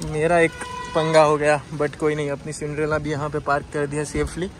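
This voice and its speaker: Filming a casual travel vlog on a rainy, fog-covered hilltop, a young man talks to "guys" watching, in a slightly high, completely flat voice that's a little fast. The phone is handheld at arm's length, with clear background noise outdoors.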